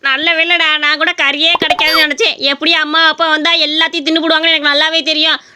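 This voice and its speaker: A woman's voice: high-pitched, little pitch movement, fast talker, background noise, pitched below the performer's own voice, natural voice. A sly young village son in a cartoon story, muttering his schemes, voiced by a woman. She drops her voice well below her usual tone. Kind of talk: cartoon voice acting.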